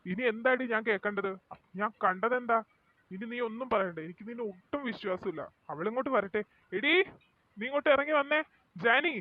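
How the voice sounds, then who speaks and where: A man's voice: extremely high pitch, brisk, no room sound. A man playing an angry, strict middle-aged father who scolds harshly. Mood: furious. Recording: dry tinny lo-fi sound.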